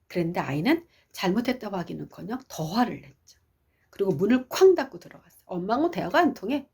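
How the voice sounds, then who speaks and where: Husky-voiced woman giving an expressive parenting lecture. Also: medium pitch. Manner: expressive storytelling, asks the audience questions.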